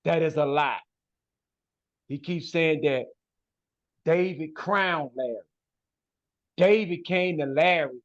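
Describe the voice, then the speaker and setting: Emphatic man, dull lo-fi sound. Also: fairly high pitch. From west side of Chicago. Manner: emphatic, ends phrases with "man" and "bro". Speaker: guest. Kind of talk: casual interview talk.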